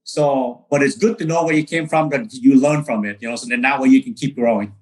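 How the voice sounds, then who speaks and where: A man's voice: medium pitch, a little fast, rough recording. A man from Vietnam, a real estate broker telling his story in a casual interview, earnest, with many fillers and restarts.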